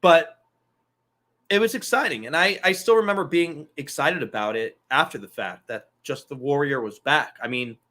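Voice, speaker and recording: Bright-voiced man rambling about wrestling. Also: a little high, normal speed. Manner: loose and profane, rambling asides. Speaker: podcast host. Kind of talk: casual wrestling chat.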